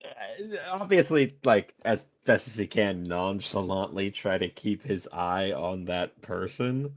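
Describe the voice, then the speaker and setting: A man's voice: deep voice, lively intonation, measured pace, lo-fi sound. A man playing a tabletop game, speaking in a laid-back, easygoing way. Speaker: player.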